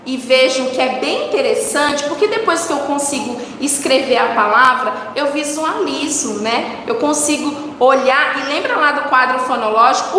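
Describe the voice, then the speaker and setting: A high, bright woman's voice with a Brazilian accent leads children through a recorded lesson. She coaxes them along, asking questions and answering them herself. The sound rings in a reverberant room with a long tail and faint background noise. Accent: Brazilian Portuguese. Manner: warm coaxing teacher talk, asks questions and answers them. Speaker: teacher.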